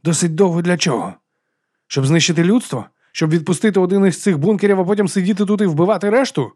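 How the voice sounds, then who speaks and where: A man voicing a desperate, hoarse man who accuses and pleads with his old mentor in an audiobook. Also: a little high, fairly even intonation, fast talker, no room sound, studio quality. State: hoarse, burning throat. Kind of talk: audiobook character voice.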